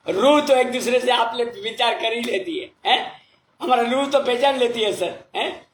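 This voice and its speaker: A man, a meditation teacher who reads viewer comments slowly, spelling out names letter by letter and apologizing with repeated thanks. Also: high voice, a bit bright, roomy sound, slight background noise. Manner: humble and apologetic. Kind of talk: casual talk reading viewer comments.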